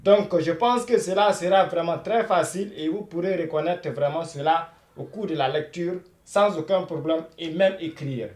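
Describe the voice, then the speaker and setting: Guy teaching beginner arabic, high voice, slow and repetitive, echoey room. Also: a little mellow. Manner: slow, repetitive, says "voilà" often. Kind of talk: beginner language lesson.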